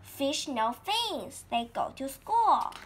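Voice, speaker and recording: A woman voicing an excited, eager young male pollywog in a read-aloud storybook, asking bouncy questions. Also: sits high, slow, heavily acted.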